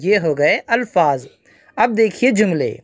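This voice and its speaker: A woman teacher with an Indian Urdu accent, reading words and short sentences aloud slowly and deliberately to children. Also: lowish voice, lively intonation, dry recording, clean studio sound. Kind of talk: slow read-aloud lesson for children.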